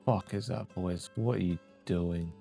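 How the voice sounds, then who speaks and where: A man's voice: deep voice, measured pace, creaky. A man reviewing music as a reaction host, blunt and full of swearing and exasperated outbursts. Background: faint music playing.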